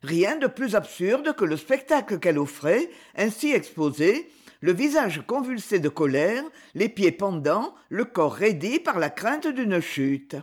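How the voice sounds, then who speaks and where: Slow, expressive audiobook narrator. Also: medium pitch, slightly rough. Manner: measured, expressive reading. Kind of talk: scripted literary narration.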